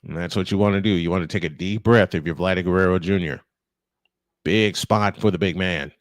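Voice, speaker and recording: A man provides live baseball play-by-play commentary on a stream. His voice is low and fairly quick, and the recording sounds dry and close.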